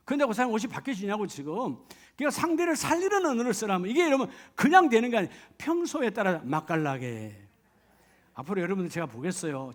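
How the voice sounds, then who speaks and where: A middle-aged male pastor preaching a sermon in a conversational way, often asking the congregation rhetorical questions. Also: sits high.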